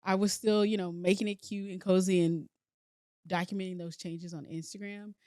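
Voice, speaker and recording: Easygoing dallas woman guesting on a podcast, lowish voice, dry close sound. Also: flat delivery, normal speed, dry recording. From Dallas, Texas. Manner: easygoing, soft-spoken. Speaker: interior designer, podcast guest. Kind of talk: casual interview chat.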